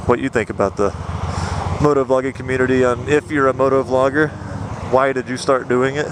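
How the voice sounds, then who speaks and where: A man's voice: medium pitch, fairly even intonation, brisk. A man chatting casually and unscripted from inside a motorcycle helmet as he rides, rambling along with some mild swearing. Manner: rambling, mildly profane. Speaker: motorcycle vlogger. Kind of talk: casual unscripted chat while riding. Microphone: helmet-mounted mic. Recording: loud engine and road noise inside helmet. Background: motorcycle engine, wind and traffic noise.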